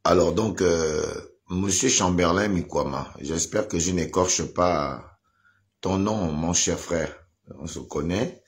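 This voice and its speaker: Speaking slowly in a deep voice, a Gabonese online commentator offers advice during a live video. He's hesitant at first, using lots of fillers, then becomes more emphatic.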